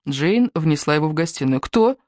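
A woman narrating an audiobook in an even, measured storytelling manner. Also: low-pitched, dry recording, studio quality. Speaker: audiobook reader. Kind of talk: scripted narration.

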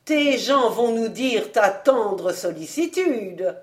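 A woman voicing a stern old male outlaw chief, calmly menacing, speaking loud, slow and deliberate, in an audiobook. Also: fairly high pitch. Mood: mocking.

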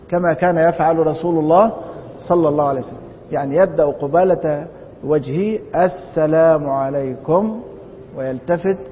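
In a large mosque lecture hall, a man with an Egyptian Arabic accent teaches Islamic law, lecturing on a religious text. He repeatedly raises rhetorical questions and then answers them, captured in a dull, echoey recording with a faint rumble.

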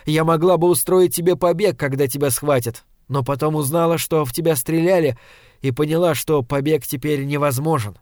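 A man reading an audiobook voices a composed woman of high rank who speaks in a measured, reasoning way. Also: darkish tone, dry recording, clean studio sound, natural voice. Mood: tender.

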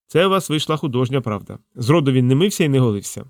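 A man doing an excitable young artist. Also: medium pitch, fast talker, dry recording, studio quality, natural voice. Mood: joking.

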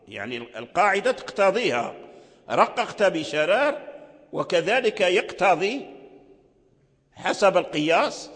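A man's voice: high-pitched, a bit bright, in a large hall. A man teaching the rules of Quran recitation, patiently repeating each point several times. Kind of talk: religious lesson explaining recitation rules.

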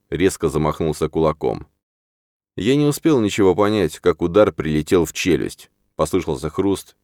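A man with a deep, low voice narrates a first-person story as an audiobook. His reading is steady and measured. The sound is dry and close, with no room around it. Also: no room sound.

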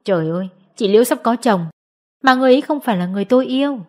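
A woman narrating a first-person audiobook story in an expressive storytelling manner. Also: fairly high pitch, very fast.

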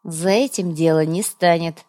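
A woman's voice: on the low side, unhurried, mellow, close to an everyday voice. Young mercenary dude, voiced by a woman, blunt, sure of himself, audiobook. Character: confident young male mercenary.

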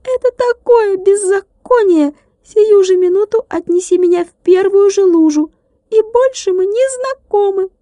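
Brief: tiny glass drummer with a high ringing, huffy voice, clipped and offended, read by a woman, storybook figure, dry sound. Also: measured pace, dark tone, no echo. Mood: indignant. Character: tiny touchy glass drummer, male, indignant.

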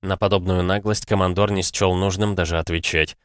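A man narrating a fantasy audiobook in a measured, even storytelling manner. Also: deep voice, clean tone, dry recording, clean studio sound.

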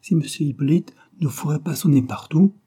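A man voicing a shrill, indignant middle-aged wife in a read-aloud novel. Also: fairly quick, mellow, husky. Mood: shrill scolding.

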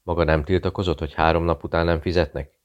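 A man reading a calm British investigator who talks in a friendly, quietly persuasive way. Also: deep voice, highs cut off, natural voice. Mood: probing. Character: cool British male investigator posing as journalist.

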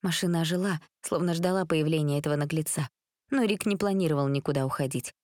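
A woman narrating a story aloud in a steady storytelling manner. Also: low-pitched, quick pace, no room sound, studio quality. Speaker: reader.

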